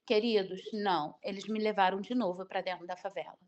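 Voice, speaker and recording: A woman's voice: mid-range voice, steady tone, fairly quick, a little mellow, highs cut off. A woman telling a dramatic personal testimony, acting out the dialogue as she goes. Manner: vivid retelling that acts out the dialogue. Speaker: guest sharing a testimony. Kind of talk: emotional personal storytelling.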